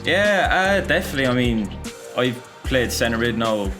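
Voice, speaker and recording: A man's voice: medium pitch, sing-song, moderate pace. A man in his early twenties with a west of Ireland accent, answering interview questions casually and often adding "you know". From Galway, west of Ireland. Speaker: esports player, interviewee. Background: music.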